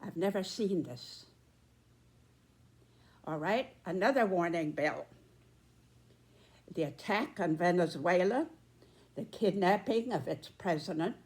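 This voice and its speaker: A woman in her nineties with a slightly low voice delivers spoken commentary very slowly. She is deliberate and emphatic, setting out her words in short, measured phrases. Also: a little mellow. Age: 90s. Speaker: political commentator.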